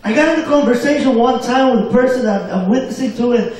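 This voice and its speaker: Male preacher, high voice, call-and-response delivery, booming church echo, distant mic. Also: fast talker, a little mellow. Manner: call-and-response, asks for amens. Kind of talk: sermon. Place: church hall. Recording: very echoey hall, mic far off.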